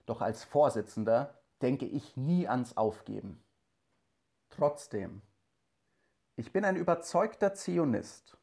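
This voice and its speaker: A man reading in first person as an earnest teacher and cantor from the 1920s, in a calm, measured, scripted narration. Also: medium pitch, vocal fry.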